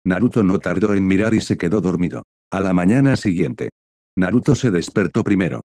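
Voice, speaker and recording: A man narrating a fan fiction story in an even, matter-of-fact reading. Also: deep voice, fairly quick, no echo.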